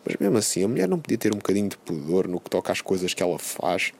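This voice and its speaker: A young man hosting a podcast, ranting casually in a sarcastic, profane, animated way. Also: low voice, rapid-fire, gravelly. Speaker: podcast host.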